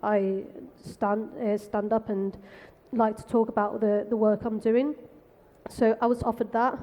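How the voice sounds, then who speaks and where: A woman from the Canary Islands in Spain, speaking on a tech panel in a brisk, frank, self-deprecating way. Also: a little high, level tone, dark tone. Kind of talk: conversational panel talk. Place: conference stage. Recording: long hall reverb.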